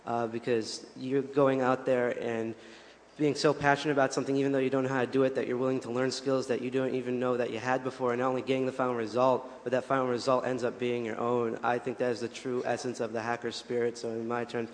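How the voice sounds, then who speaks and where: Nervous fan at the mic, pretty monotone, echoey hall w/ crowd noise. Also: male voice, mid-range voice, quick pace. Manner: earnest, a bit nervous, rambling. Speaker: audience member asking a question. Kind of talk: live Q&A question. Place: large hall at a convention. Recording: large hall with audience.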